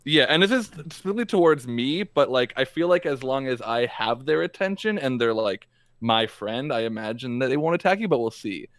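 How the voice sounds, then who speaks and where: Halting male tabletop player, dry close sound. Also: medium pitch, lively intonation, fairly bright tone, no room sound. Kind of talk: casual explanation of game moves.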